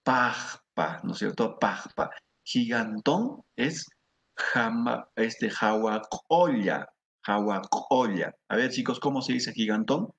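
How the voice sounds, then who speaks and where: Slow husky Peruvian teacher. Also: male voice, medium pitch, animated, a bit bright. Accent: Peruvian Spanish. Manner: slow, repeats words for students to echo. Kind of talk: classroom lesson.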